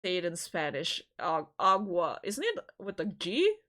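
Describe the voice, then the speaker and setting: A woman's voice: lowish voice, wildly swooping pitch, a little slow, a bit bright. A woman hosting a livestream, chatting casually with viewers in a giggly, rambling way, often restarting her sentences. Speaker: livestream host.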